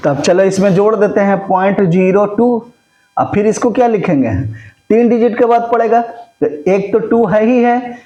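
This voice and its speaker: A man's voice: sits high, moderate pace, dark tone, dull audio. A man teaching a maths lesson, often checking that his students follow along. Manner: mixes Hindi with English terms. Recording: echoey room.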